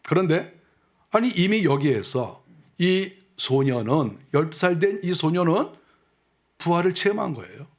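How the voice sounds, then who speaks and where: A male pastor preaching a sermon in a conversational way, full of rhetorical questions, and dropping his voice low and soft when he acts out quoted speech. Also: big pitch swings, unhurried. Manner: acts out quotes softly and lower.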